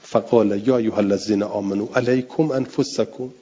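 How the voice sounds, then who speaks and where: A husky man gives a classroom lecture, reading a text and explaining it phrase by phrase. He stretches out words he repeats for his students. The recording sounds dull and lo-fi. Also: lowish voice, steady tone, warm tone. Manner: reads Arabic phrases then explains them, drawing out repeated words slowly. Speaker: teacher of Arabic grammar and Quran exegesis.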